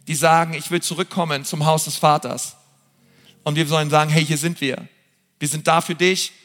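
A man preaching a sermon as pastor, earnest and talking straight to his listeners with frequent fillers. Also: high voice. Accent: German. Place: large church hall. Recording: church hall with long reverb and soft music.

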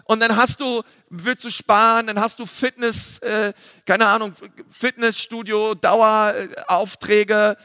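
A man, a pastor giving a lively sermon full of fillers. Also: high voice, slow, no room sound, studio quality, long reverb tail. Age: 30s. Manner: lively preaching with filler words.

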